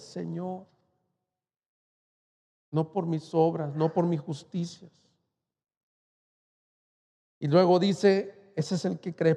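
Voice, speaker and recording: Impassioned preacher man, high voice, hall echo. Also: gravelly, warm tone. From Mexico. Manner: impassioned preaching, rising to cries. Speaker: pastor. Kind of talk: sermon. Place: church.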